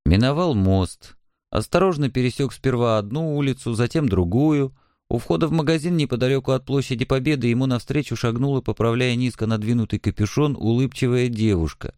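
A man narrating a literary story as an audiobook, calm and measured. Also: mid-range voice, no room sound, studio quality.

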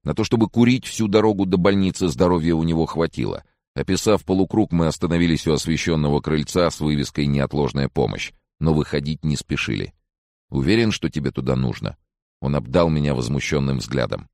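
A man narrating an audiobook in the first person, in a measured, expressive storytelling manner. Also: very deep voice, no room sound, studio quality.

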